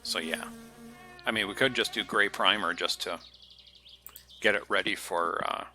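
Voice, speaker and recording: A man's voice: lowish voice, normal speed, sharp tone, a little hiss or hum. A man streaming a game, talking casually and rambling between jokey asides. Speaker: gaming streamer. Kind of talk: casual gameplay commentary. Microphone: headset.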